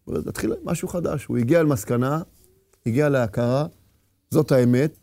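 A man's voice: medium pitch, mellow, no echo. A man giving a Torah lecture with passion, firing rhetorical questions and acting out inner voices. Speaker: religious teacher.

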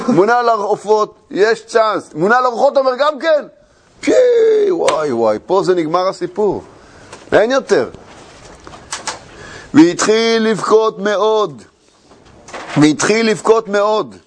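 A man with a high voice teaches as a Torah teacher, retelling a tale line by line. He talks in an animated way, asking rhetorical questions and repeating phrases for weight. His delivery has the steady build of an expository lecture. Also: slight background noise.

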